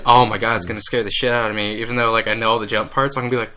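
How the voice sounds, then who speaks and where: Man, podcast co-host, casual game news chat, bright forceful tone, excitable, swears a lot. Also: on the low side, racing, a little hiss or hum.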